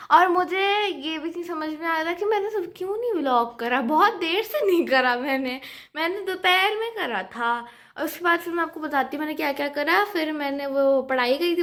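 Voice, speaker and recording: A woman's voice: sits high, fairly bright tone. A teenage girl, chatting casually in a vlog into her phone camera, rambling and mixing in English. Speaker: vlogger.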